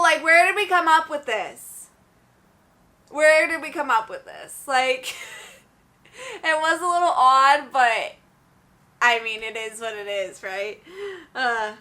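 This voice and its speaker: A woman's voice: fairly high pitch, sharp tone. A young woman chatting casually about books in a review vlog, gushing and full of "like"s. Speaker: book reviewer.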